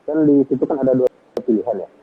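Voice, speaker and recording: A man conducts a casual interview over a phone call, asking short follow-up questions. His voice is a little husky. The line is thin and phone-like. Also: mid-range voice, animated, quick pace. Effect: heard over a phone or online call.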